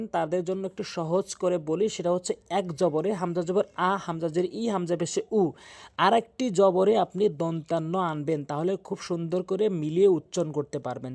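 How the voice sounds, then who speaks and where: A man teaching Quran reading, drilling Arabic letter sounds slowly and repetitively, patient, with frequent pauses. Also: high-pitched, vocal fry, a little mellow. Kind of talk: step-by-step recitation lesson.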